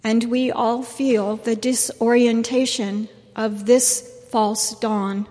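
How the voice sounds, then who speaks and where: A woman preaching a funeral sermon in a large cathedral, solemn and measured, reciting poetry as an orator would. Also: a little high, little pitch movement, dark tone. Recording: reverberant church hall.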